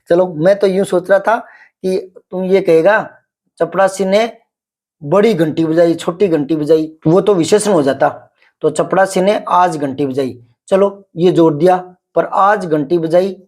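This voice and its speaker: A middle-aged man teaching Hindi grammar, explaining patiently, repeating example sentences slowly and quizzing a pupil. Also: high-pitched, a little mellow. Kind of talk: classroom grammar lesson.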